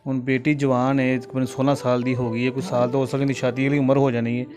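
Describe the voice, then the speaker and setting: A man from Pakistan, hosting a news interview and asking brisk, probing questions. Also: mid-range voice, little pitch movement, darkish tone. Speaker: interviewer, show host. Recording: faint background music.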